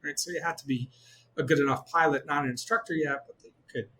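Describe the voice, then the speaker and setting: A man's voice: a little high, quick pace, slight background noise, rough recording. Chatty man telling flying stories. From Israel. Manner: animated, many fillers and restarts. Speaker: glider pilot guest. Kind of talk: casual storytelling interview.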